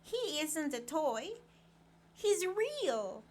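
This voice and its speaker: A woman's voice: sits high, big pitch swings, very slow, a little mellow, full character voice. A woman voicing an earnest little boy in a bedtime story, childlike and insistent about his beloved toy. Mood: earnest protest.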